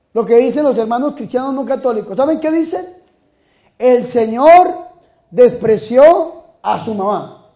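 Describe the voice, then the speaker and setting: High-voiced fervent priest preaching. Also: male voice. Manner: fervent, swings between loud outbursts and soft asides. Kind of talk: charismatic sermon.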